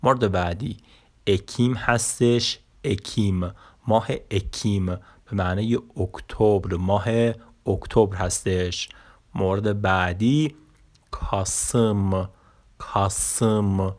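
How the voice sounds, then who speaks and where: Man, language teacher, slow repetitive drilling, lowish voice. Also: fairly even intonation, darkish tone. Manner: slow, repeating each word for learners. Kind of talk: Turkish vocabulary lesson.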